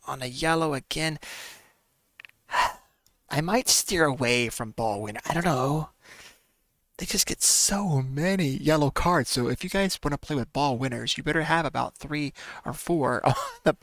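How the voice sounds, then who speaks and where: A man's voice: medium pitch, gravelly, a bit bright, dry recording. A man commenting casually on a football management game, chatting to viewers as "folks" and sighing and laughing through his frustration. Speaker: gaming commentator.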